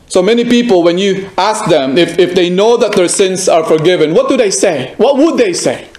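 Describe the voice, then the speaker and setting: A man's voice: high-pitched, lively intonation, normal speed, a little mellow. A male pastor preaching emphatically, repeating phrases and asking the listener direct questions. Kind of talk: sermon. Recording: echoey room.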